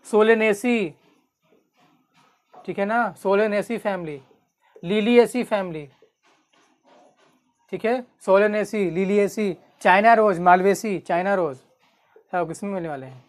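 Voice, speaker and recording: A man tutoring biology in an exam-prep lecture, repeating key terms slowly and asking questions that he answers himself. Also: high voice.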